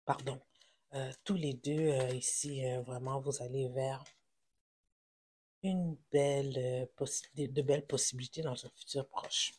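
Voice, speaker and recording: A tarot reader with a Québécois French accent talks straight to viewers in a husky, slightly breathy voice at an ordinary middle pitch. The delivery is reassuring but halting, full of fillers and restarts as the reading unfolds. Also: steady tone, darkish tone. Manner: reassuring, halting, with many fillers and self-corrections. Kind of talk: casual tarot reading to camera.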